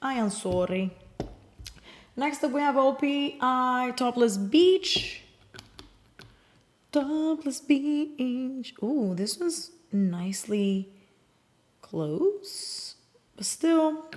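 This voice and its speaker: A woman's voice: fairly high pitch, very animated, drawn-out words. A woman casually chatting as she swatches and compares nail polishes, swearing now and then and sometimes dropping to a whisper. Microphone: close mic.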